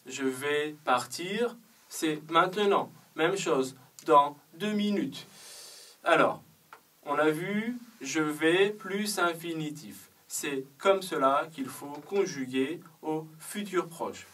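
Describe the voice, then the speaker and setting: A man teaching French grammar in a deliberate, step-by-step way, drilling conjugations one by one. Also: a little high, fairly bright tone, far from the mic, poor audio. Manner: deliberate, repeats conjugations in careful steps. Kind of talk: slow grammar lesson with drilled examples.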